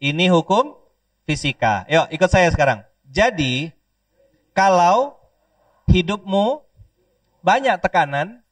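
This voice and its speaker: A man from Pontianak, Indonesia, preaching a lively sermon, joking and leading call-and-response with the audience. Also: high-pitched, slow pace, long pauses, no echo. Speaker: Islamic preacher. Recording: dry, distant mic.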